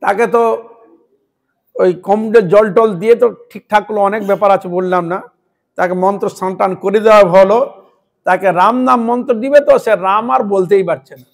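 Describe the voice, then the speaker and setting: A man with a very high-pitched voice and a Bengali accent preaches a devotional sermon. He tells the story emphatically and keeps turning to his listeners with rhetorical questions. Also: steady tone, a little fast, creaky.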